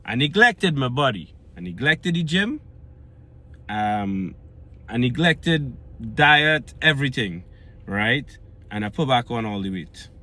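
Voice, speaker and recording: A fitness vlogger from Trinidad and Tobago, speaking with a Trinidadian accent, talks earnestly and slowly about losing weight and keeping it off. His medium-pitched voice is very animated, pushed and bright, and he keeps checking in with "right?" in this casual vlog.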